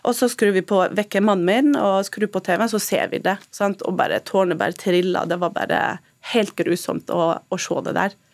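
A woman from Turkey, a mother of school-age children, speaking as a guest in a radio interview, halting and emotional with many fillers. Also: medium pitch, fairly even intonation, vocal fry, no echo.

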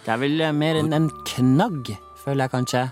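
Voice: medium pitch, fairly even intonation, a little mellow, soft background music, close to an everyday voice. A performer playing an earnest, pedantic female advice-column co-host who talks hesitantly. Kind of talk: deadpan sketch comedy.

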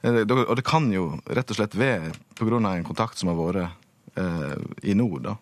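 A male linguist being interviewed, explaining patiently and pausing often to find his words. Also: low-pitched, lively intonation, no room sound. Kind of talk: radio interview.

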